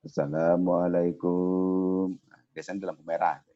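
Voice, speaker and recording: A deep-voiced man leads a broadcasting workshop, switching playfully into imitations as he explains intonation. His voice is low and slightly husky. The recording sounds dull and lo-fi. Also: normal speed. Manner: animated, mimics different voices. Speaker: broadcasting trainer. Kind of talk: workshop talk with imitations of greetings.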